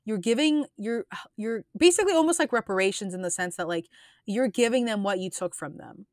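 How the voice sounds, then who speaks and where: A woman's voice: mid-range voice, expressive, fairly quick, no room sound, clean studio sound. A woman hosting a podcast, talking casually and earnestly, rambling with frequent restarts and fillers. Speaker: podcast host.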